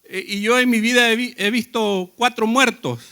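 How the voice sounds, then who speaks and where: Guy preaching a sermon, pretty high voice, tells stories from his own life, keeps asking the crowd stuff. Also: fairly even intonation, moderate pace, bright, forceful tone, clear, resonant tone. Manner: conversational, addresses the congregation with questions.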